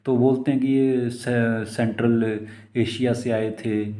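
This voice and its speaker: A middle-aged male teacher who reads textbook lines slowly, then explains them in mixed Hindi and English, often calling his students "beta". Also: mid-range voice, steady tone, mellow. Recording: echoey room.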